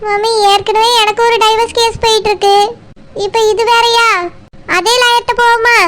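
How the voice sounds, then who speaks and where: A woman's voice: extremely high pitch, level tone, normal speed. A woman voicing a worried young adult daughter in a cartoon, with a Tirunelveli Tamil accent and a doubtful, questioning manner. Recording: loud background noise.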